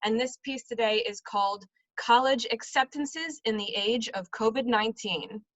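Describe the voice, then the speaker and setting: A woman with a bright, fairly high voice gives a friendly, plain-spoken introduction of herself and her piece. The sound is dry and close to the mic. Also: normal speed, no room sound, dull audio. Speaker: actor and dramaturg. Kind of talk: self-introduction before a performance.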